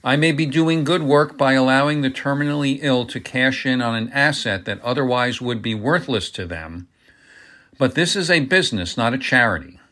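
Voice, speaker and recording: A man's voice: medium pitch, normal speed, pushed and bright, close to an everyday voice. A man reading the part of a pompous, cornered middle-aged businessman who grows defensive and flustered when pressed. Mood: smug.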